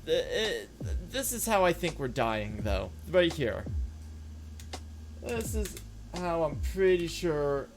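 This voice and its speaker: Over background music, a man live-streams a game, rambling casually, answering chat and muttering to himself as he plays. His voice is fairly high-pitched and very animated, yet he speaks slowly.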